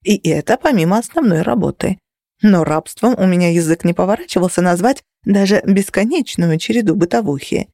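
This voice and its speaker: A woman narrating a first-person novel in an even, measured reading. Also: mid-range voice, no echo, studio quality. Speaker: audiobook narrator.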